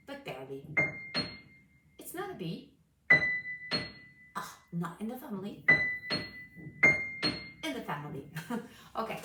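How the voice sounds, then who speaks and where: A piano teacher, a woman with a low voice, gives a casual lesson, calmly explaining while playing notes. She's recorded from a distance in an echoey room with a piano.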